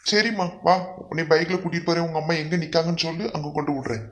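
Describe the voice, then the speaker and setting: A man's voice: on the high side, rapid-fire, close to an everyday voice. A man voicing a kind stranger who comforts a lost child. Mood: gentle. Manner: gentle, reassuring.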